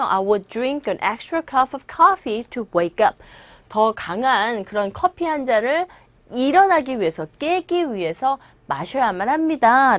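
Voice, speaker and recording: A young woman teaching English in a recorded lecture, explaining grammar and reading example sentences slowly and carefully. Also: a little high, dry recording.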